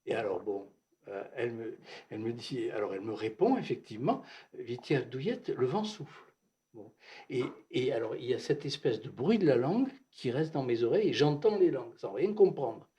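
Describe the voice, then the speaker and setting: An older man from Algeria, a psychoanalyst, telling his memories at a bookshop talk in a halting, reflective way, often repeating words. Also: mid-range voice, animated, dark tone. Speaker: psychoanalyst, guest speaker. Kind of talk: reminiscing talk at a bookshop event.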